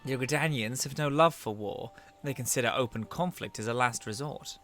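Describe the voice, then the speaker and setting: A streamer reading as a formal young scholar. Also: male voice, mid-range voice, moderate pace, a bit bright, faint music behind, natural voice. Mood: earnest. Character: earnest young male scholar, read aloud. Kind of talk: reading game dialogue aloud.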